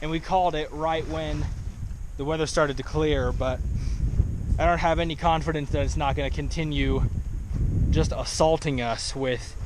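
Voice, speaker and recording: A young man chats into a handheld camera outside by a stream, casual and self-deprecating, his voice sitting a little high. Wind and outdoor noise run clearly behind him. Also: fairly even intonation, moderate pace. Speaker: vlogger. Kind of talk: casual outdoor vlog narration. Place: outdoors by a stream in snowy, windy weather.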